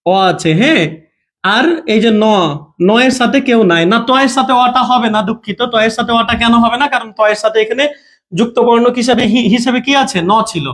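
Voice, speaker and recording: A man's voice: very high-pitched, fairly quick, a bit bright. A man teaching a live online grammar class. He keeps asking his students questions, repeats them, and checks often that they understand. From Bangladesh.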